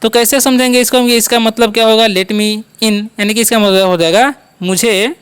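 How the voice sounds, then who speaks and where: Smooth-voiced man teaching English. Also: high voice, fairly even intonation, normal speed, a bit bright. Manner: repetitive, asks questions and answers them; spells out words letter by letter. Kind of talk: spoken English lesson.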